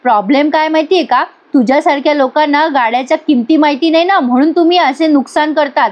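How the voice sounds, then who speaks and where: A woman's voice: sits high, fast, voice pushed up, close to an everyday voice. A woman voicing an arrogant, rich young man who lectures and blames in a reproachful way. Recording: dull lo-fi recording.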